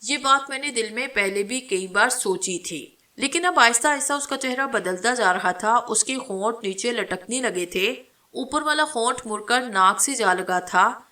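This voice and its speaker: A woman narrating a horror novel in a steady, dramatic reading style. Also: a little high. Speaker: storyteller.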